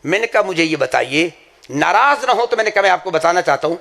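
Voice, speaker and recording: High, gravelly-voiced impassioned male preacher. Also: animated, a bit bright. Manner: impassioned, storytelling, swears sincerity. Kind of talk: religious sermon with anecdotes. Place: madrasa gathering.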